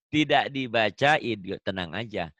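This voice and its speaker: A man's voice: fairly low pitch, expressive, slow pace, fairly bright tone, no echo. A man teaching tajwid one-on-one, patient and questioning, repeating his points over and over. He quizzes the student and explains the rules step by step. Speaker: Quran recitation teacher.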